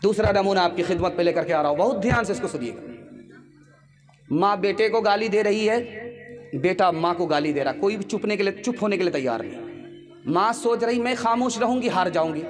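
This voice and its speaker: A man's voice: sits high, expressive, normal speed, long pauses. A man with an Urdu accent giving a humorous sermon, telling anecdotes and acting out the dialogue of his characters. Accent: Indian or Pakistani Urdu. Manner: storytelling, acts out dialogue of characters. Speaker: preacher. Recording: music playing behind the speech. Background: background music.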